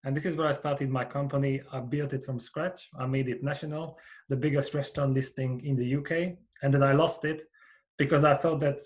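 A man in his forties from Hungary with a Hungarian accent, speaking as a guest on a podcast over a video call, earnest and measured as he explains his ideas. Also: mid-range voice. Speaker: company founder, guest. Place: small home office with bookshelves. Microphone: over-ear headset with boom mic.

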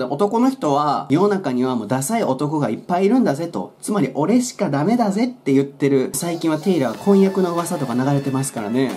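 A man's voice: on the high side, darkish tone. A man explaining English song lyric pronunciation in a friendly, explanatory way with playful asides.

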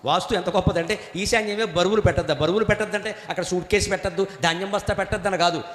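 A man's voice: sits high, steady tone, racing, a bit bright. An older man giving a spiritual discourse, joking, mimicking everyday people and chanting Sanskrit verses. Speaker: spiritual speaker. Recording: echoey hall with long reverb.

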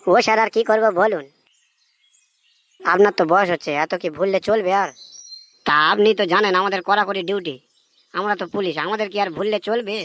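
A woman's voice: medium pitch, fairly even intonation, brisk, pauses often, a bit bright, lightly acted. A woman voicing a bossy, aging male police chief in a comedy cartoon, commanding and quizzing his subordinate. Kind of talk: cartoon voice acting.

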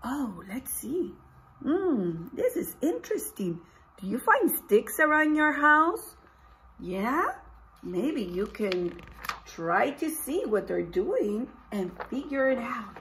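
The low-quality recording carries slight background noise and a fairly high, very animated, slow, somewhat bright woman's voice. A middle-aged teacher reads a picture book aloud with feeling, asking young children questions, indoors in a small room with posters and books.

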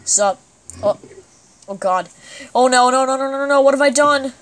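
A woman giving let's play commentary as she plays, excitable and breaking into sudden exclamations. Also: sits high, moderate pace. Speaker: gamer.

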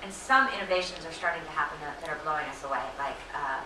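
Slightly hoarse middle-aged woman, bright lower voice, lecture guest recorded from across an echoey room. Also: fast, slight background noise. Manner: earnest, many fillers and self-corrections. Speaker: invited lecture speaker. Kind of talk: lecture Q&A answers. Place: lecture hall. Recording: echoey room, distant mic.

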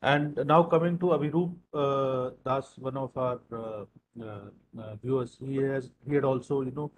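A male moderator asks long, winding questions with frequent fillers. His voice sits at a middle pitch, with a faint hiss behind it. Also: fairly even intonation, moderate pace, rough recording. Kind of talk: interview questions.

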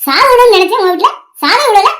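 A woman's voice: very high-pitched, lively intonation, fast talker, background noise. A performer voicing a vengeful, scheming old village woman in a cartoon, speaking in a taunting, scolding way. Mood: scornful. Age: older. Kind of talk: animated cartoon voice acting.

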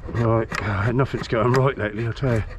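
A man's voice: medium pitch, steady tone, moderate pace. A man with a throaty voice giving a casual hands-on woodworking demonstration outdoors, informally muttering asides to himself as he works. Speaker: woodworking video presenter. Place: outdoors in a garden. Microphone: head camera close to him. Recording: clear background noise with clicks.

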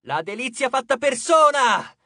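A man voicing a defiant teenage boy demigod who shouts mocking taunts in an audiobook. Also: extremely high pitch, very animated, unhurried, no room sound, studio quality, voice pushed up, exaggerated voice. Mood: taunting.

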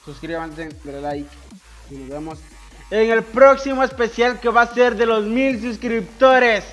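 A man's voice: extremely high pitch, a little slow, fairly bright tone, faint music behind. A young man from Ecuador, a YouTuber answering viewer questions in a boisterous, crude, joking way with lots of swearing. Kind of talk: casual Q&A voice-over over gameplay.

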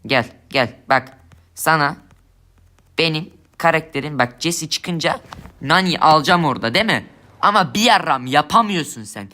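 A man's voice: on the high side, expressive, moderate pace, bright, forceful tone. A young man giving angry gameplay commentary, swearing and ranting at his teammates in frustration. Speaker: gamer streamer.

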